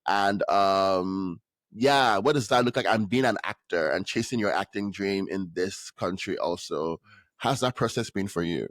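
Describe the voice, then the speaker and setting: A man with a very low voice hosts a podcast in a casual, upbeat way, often pausing on ums. The sound is dry and close, with no room around it. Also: a bit bright, no echo. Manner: upbeat, enthusiastic, many ums. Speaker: podcast host. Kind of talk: casual interview chat.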